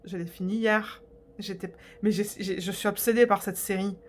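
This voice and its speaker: A woman's voice: mid-range voice, fairly even intonation, moderate pace, a little hiss or hum. A young woman vlogging in a casual, rambling way, chatting to her viewers with lots of fillers and restarts. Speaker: diamond painting vlogger. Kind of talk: casual chat to camera.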